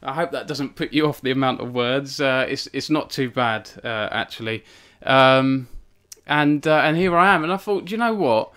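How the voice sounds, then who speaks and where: Chatty young man, smooth clear voice. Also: mid-range voice, normal speed, fairly bright tone. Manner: rambling, filler-heavy, self-deprecating. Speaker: author hosting a book launch stream. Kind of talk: casual live stream chat. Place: home log cabin.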